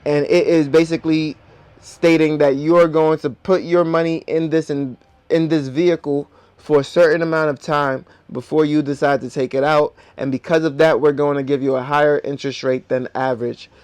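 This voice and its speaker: A man with a slightly high voice explains things directly to his viewers. He talks with braces on his teeth, which slightly impede his articulation. The sound is dry, with no room echo. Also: level tone, normal speed, a little mellow, clean tone. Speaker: host of a personal finance video.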